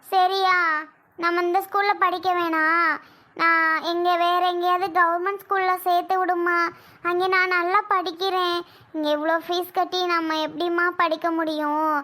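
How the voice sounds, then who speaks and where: A woman's voice: very high voice, little pitch movement, normal speed, pushed and bright. A woman playing an earnest teenage elder daughter in a family drama skit, persuading her mother. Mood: pleading.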